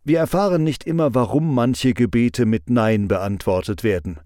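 Mellow-voiced guy preaching a devotional, calm and steady, dry sound. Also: medium pitch, normal speed, dry recording. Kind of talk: devotional sermon reading.

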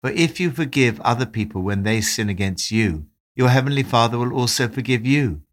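A man giving a devotional talk, reading Bible passages and reflecting on them in a calm, measured way. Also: mid-range voice. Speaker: devotional presenter.

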